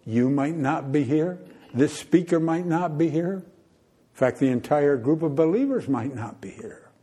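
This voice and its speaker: An older man preaching a sermon in a church, earnest and emphatic, with questions that rise in pitch. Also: lively intonation, a little slow, mellow, breathy edge.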